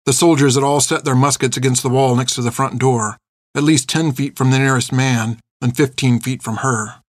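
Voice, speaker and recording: A man narrating an audiobook in a steady, measured storytelling voice. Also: medium pitch, dry recording, clean studio sound.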